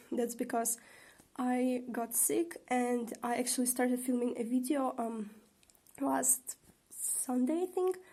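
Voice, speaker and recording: A woman's voice: a little high, warm tone. Chatty young woman, slightly sick voice. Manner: rambling, chatty, many fillers and laughs. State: recovering from a sore throat, voice a bit shaky. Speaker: tarot reader and channel host. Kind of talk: casual tarot reading vlog.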